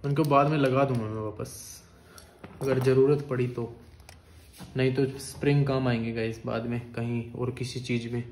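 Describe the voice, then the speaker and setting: A man chatting excitably through casual toy-battle commentary, speaking at a middle pitch. His voice rings in an echoey room, with steady noise in the background. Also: moderate pace. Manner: chatty, excitable, calls viewers "bhai" and "guys". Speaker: YouTuber.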